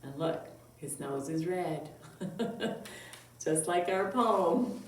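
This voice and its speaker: Picked up by a distant mic in an echoey room with faint noise, a children's library storytime host recites poems, sings and asks young children simple questions in a playful sing-song way. Her voice is on the low side, expressive and very slow.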